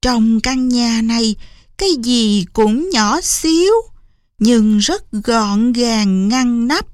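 A woman narrating a fairy tale in an expressive, unhurried storybook reading. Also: a little high, no room sound, studio quality.

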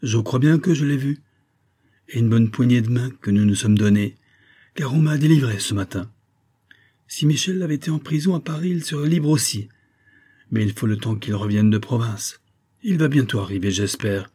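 A man reading an audiobook, voicing a cheerful, excitable one-armed worker who talks eagerly. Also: mid-range voice, normal speed, slightly rough, close to an everyday voice. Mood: earnest. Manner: exuberant, cheerful, talkative. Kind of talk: audiobook character voice.

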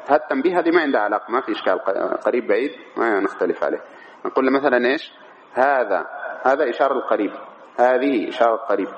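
A man teaching an Arabic grammar lesson who asks the class questions and answers them himself, often checking that they follow. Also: medium pitch. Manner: keeps checking understanding; slow, measured reading of the text. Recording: dull lo-fi recording with faint noise.

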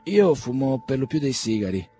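A man voicing a polite, mild-mannered young gentleman who is a guest in the house. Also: medium pitch, big pitch swings, moderate pace, slightly rough, soft background music, voice pushed up.

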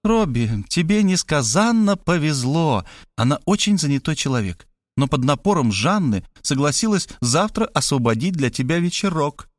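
A man's voice: a little high, sing-song, moderate pace, dry recording, clean studio sound. A man voicing a pushy, scolding elderly mother in an audiobook. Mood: nagging. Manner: scolding, insistent, dramatic. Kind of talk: audiobook character voice.

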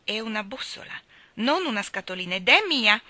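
A woman voicing a sulky, stubborn young boy who speaks in a shrill, insistent way in a storybook reading. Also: lively intonation, moderate pace, pushed and bright, no room sound.

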